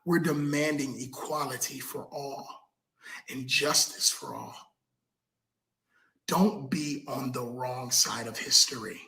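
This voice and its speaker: Slow, earnest man in his fifties. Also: mid-range voice, sharp tone, rough recording. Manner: slow, deliberate and earnest, with emphatic pauses. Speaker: speaker addressing the public. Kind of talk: impassioned personal statement.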